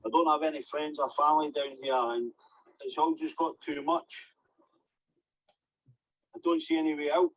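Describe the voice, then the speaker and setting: A man's voice: fairly high pitch, fairly even intonation, moderate pace, pauses often, fairly bright tone. A man with a broad Glaswegian Scottish accent, playing a despairing man in crisis in a training role-play. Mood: despairing, defeated. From Glasgow, Scotland. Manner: despairing, resigned. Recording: noisy video clip with background ambience.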